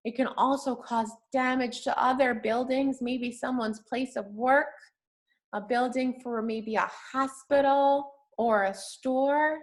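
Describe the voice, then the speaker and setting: With a high, steady voice and an unhurried pace, a woman reads aloud to young children the way a teacher would. Her language is simple, patient, and encouraging, and she asks questions and offers praise as the story goes along.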